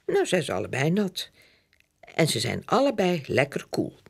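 A woman reading a children's story aloud slowly and expressively. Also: sits low, creaky, breathy edge. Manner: slow, expressive, very animated.

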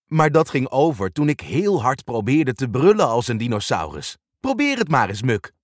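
A man reading a storybook and voicing Leo, a kind young helper who speaks gently and reassuringly. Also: mid-range voice, big pitch swings, moderate pace, no room sound, studio quality.

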